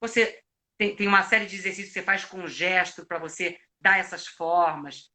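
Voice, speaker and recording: This Brazilian actor and coach, speaking with a Brazilian Portuguese accent, advises someone on a live video call, reflecting at length and restarting often. He speaks at normal speed in a high-pitched, bright, forceful voice.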